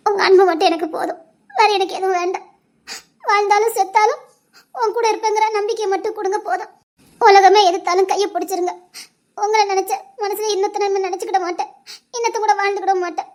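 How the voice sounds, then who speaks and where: A woman playing a shy, poor young village girl in love, speaking softly with a southern Tamil Nadu accent. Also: very high-pitched, steady tone, fast, pauses often. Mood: tender. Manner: soft, bashful, pleading. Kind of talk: village romance drama acting.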